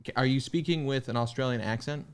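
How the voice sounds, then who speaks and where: A man co-hosting a podcast in casual chat, curious and full of quick questions. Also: medium pitch, clear, resonant tone. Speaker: podcast co-host.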